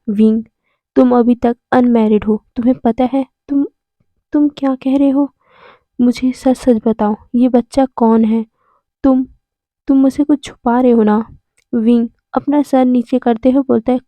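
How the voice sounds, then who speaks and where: A woman's voice: on the high side, dry recording. A woman retelling a fan fiction story, reading out every character's lines in her own voice. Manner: narrates and reads all characters' lines in the same voice. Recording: dull, lo-fi, dry recording.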